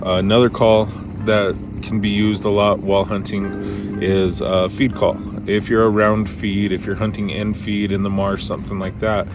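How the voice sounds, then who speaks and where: A man giving a casual, instructional how-to as a hunting teacher, talking in a halting way as he thinks aloud. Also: on the low side, flat delivery, over music. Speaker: duck calling instructor.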